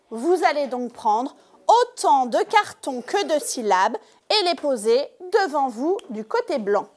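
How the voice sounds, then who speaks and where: A woman teacher giving a lesson to young pupils in a classroom, speaking slowly and clearly and stressing each syllable. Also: high voice. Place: primary school classroom.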